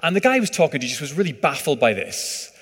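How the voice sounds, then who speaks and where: A man's voice: fairly high pitch, sing-song, fast talker, a bit bright, husky. A man preaching a sermon in a conversational, hesitant way, full of fillers. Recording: reverberant hall.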